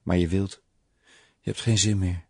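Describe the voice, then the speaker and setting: Anxious woman, a mother meeting a lover in secret, soft and hushed, as read by a male narrator, low for a woman, dry close sound. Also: expressive, fast, no echo. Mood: whispered pleading. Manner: soft, hushed pleading in the tender scenes.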